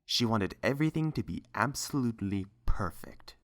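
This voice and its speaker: A narrator reads scripted fiction for an audiobook, keeping a measured pace while the pitch moves in a lively, varied melody.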